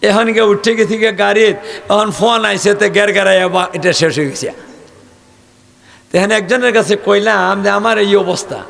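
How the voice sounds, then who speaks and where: An older man preaching a folksy, joking sermon, rising at times to shouts. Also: high voice, normal speed, gravelly.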